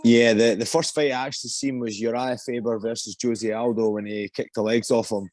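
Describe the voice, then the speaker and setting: A man's voice: medium pitch, steady tone, a little fast, a little mellow, no echo. A young Scottish man, an MMA fighter, answering interview questions casually and hesitantly, with many ums and restarts. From Scotland.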